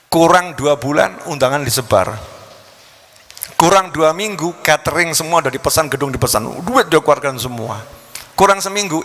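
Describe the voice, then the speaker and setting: A man's voice: fairly high pitch, bright, forceful tone. A man preaching a sermon in a mosque, telling a story in a casual, joking way and switching between voices. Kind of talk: sermon with lively comic storytelling. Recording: long reverb of a mosque hall.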